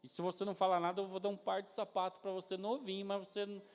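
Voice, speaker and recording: A man playing an anxious pastor who quietly and firmly tells a church member to stay silent. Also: high-pitched, completely flat delivery, quick pace, clear, resonant tone, voice pushed down, lightly acted. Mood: hushed warning. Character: anxious middle-aged pastor giving firm orders. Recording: long reverb of a church hall.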